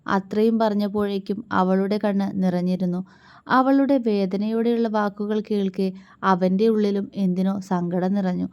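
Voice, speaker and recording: A woman storyteller giving a steady, expressive romance audiobook reading. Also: medium pitch, normal speed, clear, resonant tone.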